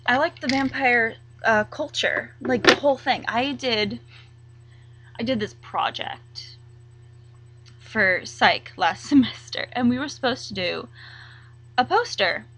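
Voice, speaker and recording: A young woman chatting casually to camera as a vlogger, rambling and halting, full of likes and ums. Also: a little high, a bit bright, a little hiss or hum, rough recording.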